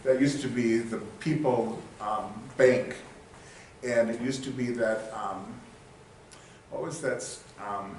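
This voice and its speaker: A man's voice: medium pitch, takes it slowly, a little mellow, slight background noise. A man giving a casual local history talk to a meeting, rambling and searching for words with many fillers. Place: meeting hall. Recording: echoey room from far off.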